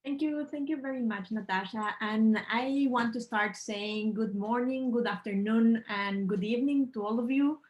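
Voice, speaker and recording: This is a low-quality video-call recording of an online presentation talk. The panel speaker, a woman from Ecuador, has a slightly high voice and an earnest, measured manner, with some non-native phrasing.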